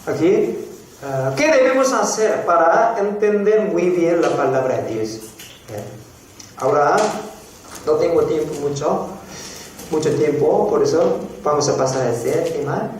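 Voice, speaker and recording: High-voiced pastor in a very echoey hall. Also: male voice, animated, recorded from a distance, slight background noise. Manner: slow, repeats phrases, frequent "eh?" prompts to the congregation. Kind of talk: sermon teaching. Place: church hall.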